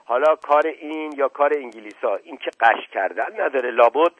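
A man's voice: medium pitch, a little hiss or hum, pitched above the performer's own voice, natural voice. A man voicing a playful, witty aristocratic middle-aged man who teases and gives orders. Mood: teasing, urgent. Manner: teasing, commanding. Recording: narrow phone-like band, dry.

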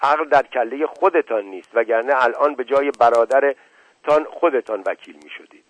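A man's voice: medium pitch, natural voice, rough recording. A man reading as a hot-tempered young man. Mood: indignant. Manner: indignant, protesting.

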